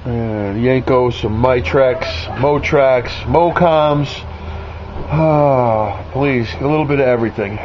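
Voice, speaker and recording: A man with a medium-pitched voice speaks slowly as he gives a casual, off-the-cuff tour of his radio hobby gear, boasting in a jokey, self-mocking way. He's indoors in a cluttered garage and radio room, recorded on a handheld camera's built-in mic that sounds muffled with clear noise.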